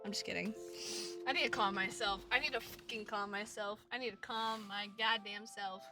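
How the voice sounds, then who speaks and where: A woman streams a visual novel, reading its text aloud and chatting with viewers through playful, goofy asides, close to the microphone with music behind her. Her voice is mid-range and steady at a normal speed.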